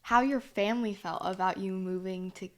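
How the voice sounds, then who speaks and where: A woman's voice: medium pitch, fairly even intonation, normal speed, crowd noise. A young woman hosting a casual interview podcast, asking questions steadily and laughing along. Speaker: podcast host.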